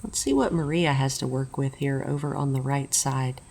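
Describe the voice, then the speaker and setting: A woman's voice: a bass voice, normal speed, creaky, darkish tone, a little hiss or hum. A woman commentating on a disc golf tournament in a golf commentator's style, describing play over footage. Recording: music behind the voice. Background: background music.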